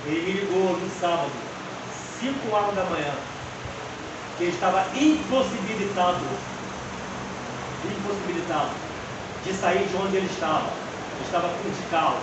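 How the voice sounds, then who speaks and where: A Brazilian seminary teacher in his fifties gives a fervent lecture on the Psalms in a classroom, pressing listeners with rhetorical questions and personal testimony. His high voice moves at a moderate pace with frequent pauses. The very echoey room is recorded from a distance over steady background noise.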